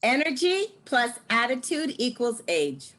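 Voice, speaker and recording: A woman in her sixties giving a casual, lively testimonial, laughing often. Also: fairly high pitch, a little slow, rough recording. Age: 60s. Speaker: guest speaker.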